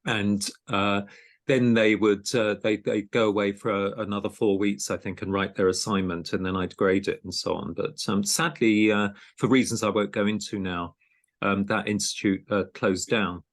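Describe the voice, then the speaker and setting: A man's voice: fairly low pitch, steady tone, moderate pace. A man hosting an interview podcast, speaking in a hesitant, conversational way with frequent ums and restarts. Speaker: podcast host and programme director.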